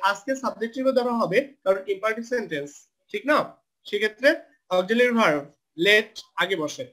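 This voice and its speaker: A man's voice: very high-pitched, fairly bright tone. A man teaching a live online English grammar class, explaining step by step, spelling out words and mixing English terms into his Bangla.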